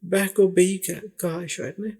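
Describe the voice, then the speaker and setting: A man with a high voice hosts a relaxed talk. He explains song lyrics word by word and lingers on each phrase as he repeats it. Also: gravelly. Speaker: host translating song lyrics. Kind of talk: casual explanatory chat.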